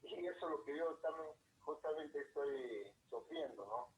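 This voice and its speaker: A man's voice: fairly high pitch, sing-song, moderate pace, vocal fry. A man from Peru, a cooperative manager, giving a courteous formal talk over a phone line. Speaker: guest speaker, cooperative manager. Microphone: telephone.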